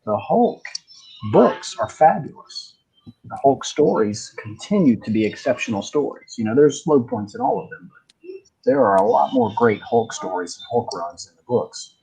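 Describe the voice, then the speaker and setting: A man's voice: mid-range voice, very animated, moderate pace, gravelly, mellow, breathy edge, poor audio. A man co-hosting a casual movie review podcast, talking at length and posing questions to the others. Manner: expansive, asks the others questions. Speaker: podcast co-host.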